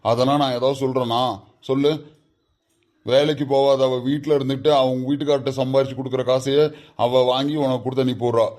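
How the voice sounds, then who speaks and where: A patient son and husband, played by a man who reasons calmly with his quarrelling family. His voice sits at an ordinary mid pitch, and he speaks with a Kanyakumari Tamil accent in this comedy skit. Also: brisk, lightly acted. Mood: reasoning. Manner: calm, reasoning.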